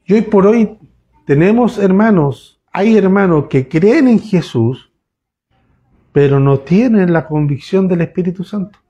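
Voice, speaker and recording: High-voiced pastor preaching. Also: male voice, expressive, measured pace, mellow, highs cut off. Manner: conversational storytelling preaching with many restarts. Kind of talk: sermon. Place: church.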